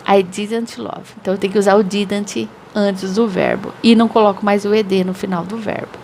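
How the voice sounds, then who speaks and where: A woman's voice: mid-range voice, very animated, darkish tone, slight background noise. Patient woman teaching English grammar. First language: Portuguese. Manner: explains slowly, repeats examples, often adds "tá?". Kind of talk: recorded grammar lesson for students.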